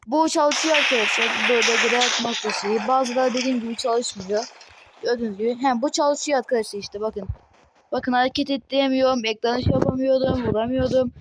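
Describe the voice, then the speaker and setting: A young woman from Turkey hosts a casual game mod walkthrough, rambling and filling gaps as she goes. Her voice sits fairly high. A faint hiss runs under the home recording. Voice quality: voice tone altered, may sound odd. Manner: rambling, says "arkadaşlar" constantly, many fillers. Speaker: gaming channel host. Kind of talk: casual mod showcase commentary.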